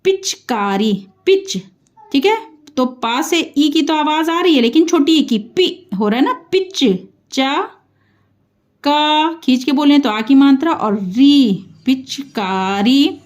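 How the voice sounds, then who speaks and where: Slow, high-voiced woman teaching spelling. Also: animated, dull audio. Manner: breaks words into syllables and stretches the vowels; checks in with the learners often. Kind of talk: slow classroom-style spelling lesson.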